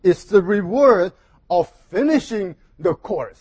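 Speaking into a pulpit mic, this high-voiced preacher breaks his sermon into short bursts for an interpreter, lingering over each phrase and pausing between them. His tone is animated, darkish, and a touch rough. The audio is close-miked and dry, with barely any reverb.

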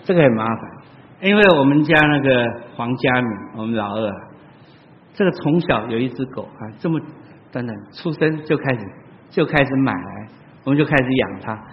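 Preaching in a church hall, this pastor animatedly narrates stories at a moderate pace, moving from loud outbursts to soft, low remarks. Sound is muffled and lo-fi with a long reverb tail and slight background noise.

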